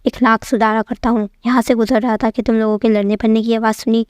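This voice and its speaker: Woman doing a bearded old dwarf who preaches, scolding with sayings; her slightly high, flat, steady voice carries him in a dry, close storybook reading. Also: smooth, no echo, lightly acted. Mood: lecturing. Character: bearded old male dwarf sage, lecturing. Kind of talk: storytelling narration.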